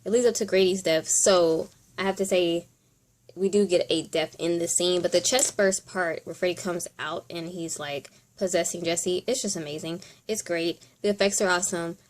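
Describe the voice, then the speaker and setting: A woman's voice: lowish voice, steady tone, normal speed, a little hiss or hum. A woman hosting a casual top ten countdown, chatting informally and thinking aloud as she gives her commentary. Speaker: video host.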